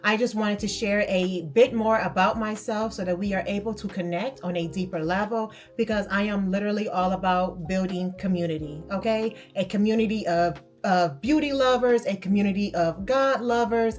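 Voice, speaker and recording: A woman's voice: mid-range voice, normal speed, a little mellow, soft background music. Woman, late thirties, from Michigan, beauty vlogger, casual chat, upbeat. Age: 30s. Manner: chatty and upbeat, calls viewers babes and girl.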